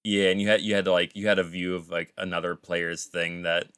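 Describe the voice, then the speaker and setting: A man with a very deep voice and a bright, forceful tone chats in a laid-back way, dropping in plenty of "like" and "dude". He is a co-host on a casual gaming podcast. The sound is dry and close. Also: flat delivery, brisk, clear, resonant tone, dry recording.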